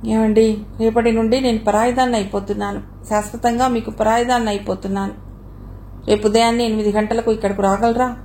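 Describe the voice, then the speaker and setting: A proud young woman who speaks coolly and plainly, even when she asks for something, as a woman narrator reads her. Her voice is fairly high and close to the reader's own. It is a storybook reading. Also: a little fast, slight background noise, natural voice. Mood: pleading. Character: proud young woman about to remarry, cool. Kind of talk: audio novel reading.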